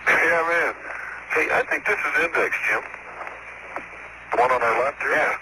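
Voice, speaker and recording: A man's voice: fairly high pitch, moderate pace. A male astronaut talking over a space radio link, mixing clipped technical callouts with casual observations. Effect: space radio transmission. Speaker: astronaut driving a lunar rover. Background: radio static and noise.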